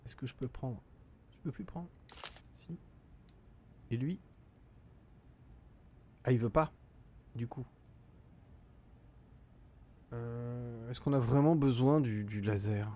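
A man's voice: mid-range voice, slow pace, long pauses, mellow, a little hiss or hum. A middle-aged man streaming a game live, reading out chat and thinking aloud with frequent hesitations.

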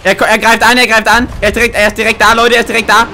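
Fast, high-pitched young male gamer, urgent. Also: flat delivery, pushed and bright, slight background noise. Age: young adult. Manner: urgent, repeats phrases. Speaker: game streamer. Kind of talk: excited multiplayer gameplay chatter. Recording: game sound behind the voice.

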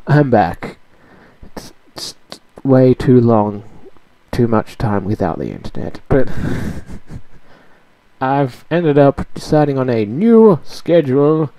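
A man's voice: medium pitch, dark tone, rough recording. A young Australian man vlogging from home, rambling and self-mocking. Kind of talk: casual chat.

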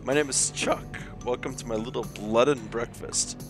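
Man doing a creepy hunched innkeeper, too polite, grinning, game dialogue read plainly, mid-pitched. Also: fairly even intonation, a little fast, music in the background, close to an everyday voice. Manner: overly polite, jokes about a lisp.

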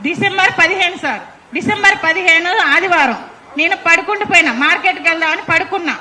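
A woman's voice: extremely high pitch, sharp tone, slight background noise. A middle-aged woman, telling an interviewer in urgent, insistent detail what happened to her son. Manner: urgent, insistent retelling, often addressing the listener as sir. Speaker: mother recounting an incident. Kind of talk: emotional spoken account to an interviewer.

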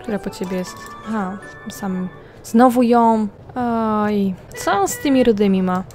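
A woman's voice: mid-range voice, normal speed, a little mellow, faint music behind. A woman giving casual commentary over a life-simulation game, chatting to her characters and to viewers. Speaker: gameplay commentator. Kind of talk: casual let's-play commentary.

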